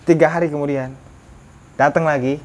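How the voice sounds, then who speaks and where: A young man telling a ghost story to a host, animated and lively in pitch. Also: moderate pace. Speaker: guest storyteller.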